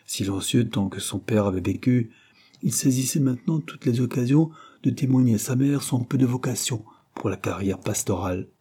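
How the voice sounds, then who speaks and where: A male audiobook narrator reading a classic novel in a steady, even way. His voice is dark and mellow, with a husky, slightly breathy grain. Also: mid-range voice, moderate pace.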